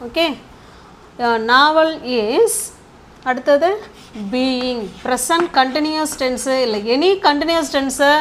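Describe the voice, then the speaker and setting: A woman's voice: sits high, fairly bright tone, a little hiss or hum. A woman, teaching English grammar in a patient lesson style. She often checks in with "okay?" and stretches words out while writing.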